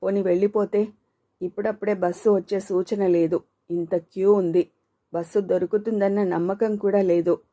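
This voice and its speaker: A woman's voice: medium pitch, steady tone, moderate pace, dark tone, natural voice. A woman voicing Meera, a reserved and anxious young woman who answers guardedly. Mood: uneasy. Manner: hesitant, guarded replies.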